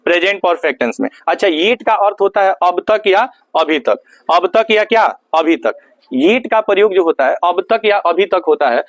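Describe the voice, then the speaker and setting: A man's voice: high voice, animated, moderate pace, dry recording. A male Hindi-speaking teacher with a Bihari accent, giving a classroom grammar lesson, asking questions and answering them himself. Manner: asks questions and answers them himself, repeats key words.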